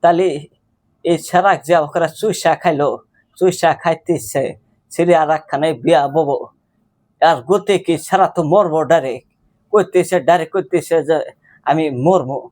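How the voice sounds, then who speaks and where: In a prank phone call, a man plays an anxious old village grandmother fretting over her grandson, rambling in a pleading, plaintive way. He uses a fairly high, darkish voice at a moderate pace with long pauses, lightly acted.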